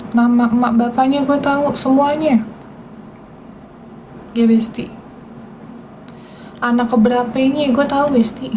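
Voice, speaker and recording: A woman's voice: high voice, dark tone, slight background noise, rough recording. A woman, hosting a casual livestream and talking indignantly and directly to her viewers. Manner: indignant, talks straight to viewers. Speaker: livestream host.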